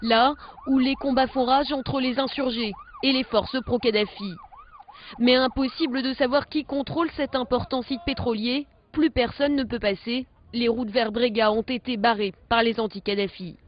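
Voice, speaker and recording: A woman narrating a news report in a measured, scripted voice-over. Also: on the high side, a little hiss or hum. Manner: measured, even newsreader delivery. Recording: slightly dull broadcast audio.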